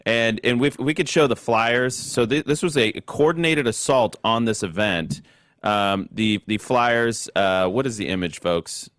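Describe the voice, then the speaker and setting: A man's voice: medium pitch, unhurried, fairly bright tone, no echo. A man hosting a political talk show, giving commentary and putting questions to guests.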